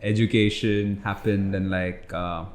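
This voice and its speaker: On a relaxed podcast conversation, a young startup founder raised in India reflects through rambling stories, leaning heavily on fillers like "like" and "you know." He speaks on the low side with little pitch movement, a touch slow, and the room adds a noticeable echo.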